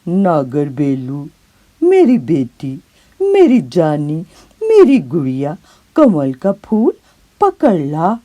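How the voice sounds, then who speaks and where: An old woodcutter father from a children's storybook, coaxing his daughter with tender words, as a woman puts him on. His voice is husky and unhurried, with an Urdu accent. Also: low-pitched, wildly swooping pitch, no echo, heavily acted. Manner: soft coaxing repeated endearments. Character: old loving woodcutter father pleading gently.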